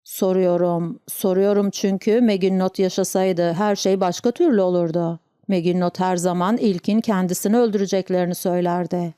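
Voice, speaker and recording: A woman's voice: on the low side, steady tone, moderate pace, few pauses, mellow, clear, resonant tone, no echo, studio quality, close to an everyday voice. A woman voicing a frightened, superstitious sailor from an island, speaking in an anxious, stammering way. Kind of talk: audiobook character reading.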